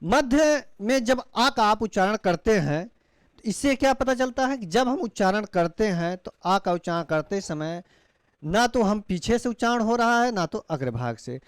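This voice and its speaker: Male teacher, smooth clear voice, dry sound; slow demonstrations of drawn-out vowels. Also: sits high, no room sound. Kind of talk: classroom lecture.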